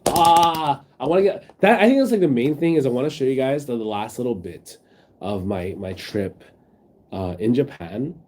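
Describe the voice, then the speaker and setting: A man's voice: medium pitch, lively intonation, normal speed, darkish tone. A sick, sniffling man streaming from his phone, rambling in casual chat with his viewers and reading their messages aloud. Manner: rambling, reads chat aloud, many fillers.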